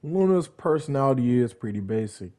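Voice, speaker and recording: A man's voice: medium pitch, expressive, fairly quick, warm tone. A young man casually narrating a fan-made backstory, rambling, correcting himself and adding joking asides. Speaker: fan content creator.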